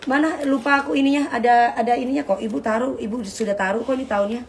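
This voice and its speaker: A woman's voice: on the high side, steady tone, quick pace, a little hiss or hum. A middle-aged woman hosting a casual live stream, brash and trash-talking, calling her viewers darling. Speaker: live-stream host selling bags.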